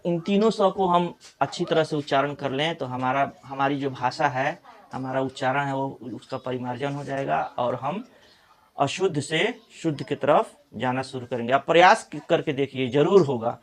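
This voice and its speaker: A middle-aged man with a Bihari Hindi accent teaching pronunciation, saying example words slowly one at a time. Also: medium pitch. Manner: slow, deliberate, repeats example words one by one. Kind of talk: pronunciation lesson.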